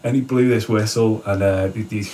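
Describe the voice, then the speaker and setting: A man telling a story in casual conversation, animated and laughing often, acting out what people said. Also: lowish voice, a little fast, a little hiss or hum. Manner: animated, laughs often, acts out quotes with a raised voice. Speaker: guest.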